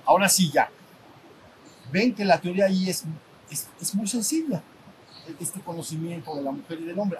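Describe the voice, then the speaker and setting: A man teaching a retreat lecture. He speaks informally, restarts his sentences often, checks in with his listeners and acts out sounds as he explains. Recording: steady background rumble and noise.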